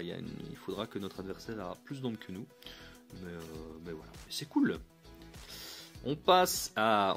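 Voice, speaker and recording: A man's voice: medium pitch, fairly bright tone. Chatty upbeat man reviewing cards. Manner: upbeat, chatty, repeats "cool" often; light chuckles, restarts mid-phrase. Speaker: card game reviewer. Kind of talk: casual card review.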